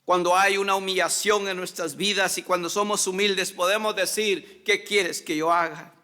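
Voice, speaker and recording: Male pastor, very high and bright voice, preaching in a reverberant church, loud then hushed. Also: steady tone, moderate pace, smooth. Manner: preaching, repeats "hermanos" often, swings between loud and hushed. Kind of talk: sermon. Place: church hall. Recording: long church hall reverb.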